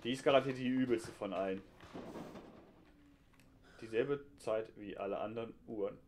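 A man's voice: fairly low pitch, moderate pace, a little mellow. Man, let's-play commentator, chatty and joking, headset mic, light background hiss. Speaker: gameplay commentator. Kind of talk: casual let's-play chat.

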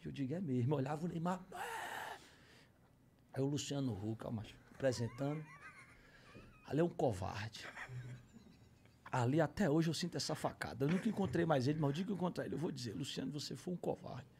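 Gravelly, animated man from Ceará. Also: on the high side, quick pace, a little hiss or hum. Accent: Cearense Portuguese. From Ceará, Brazil. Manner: lively, acts out shouted bids and quotes. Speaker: podcast guest. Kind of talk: animated storytelling.

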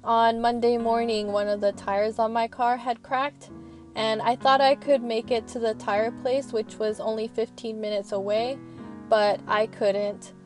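A woman's voice: fairly high pitch, little pitch movement, measured pace, soft background music. A young woman student rambling in a chatty, earnest voice-over, recorded in her parked car. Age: young adult. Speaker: student vlogger.

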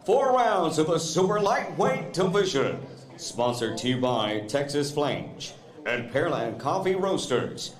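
Ring announcer guy, lively swooping voice, big echoey arena. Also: on the high side. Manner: drawn-out shouted fighter names. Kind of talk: booming boxing ring announcing. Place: convention center arena.

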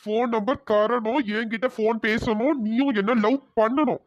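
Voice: mid-range voice, fairly even intonation, moderate pace, noisy background, lightly acted. A voice performer playing a brash young man who boasts and pushes a girl for her phone number, with a bossy manner. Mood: pleading. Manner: bossy and threatening, then pleading. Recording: dull lo-fi voice track.

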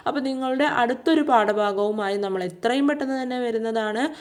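A woman's voice: a little high, fairly quick. A woman teacher, explaining a textbook lesson to young children and reciting a poem in a sing-song way.

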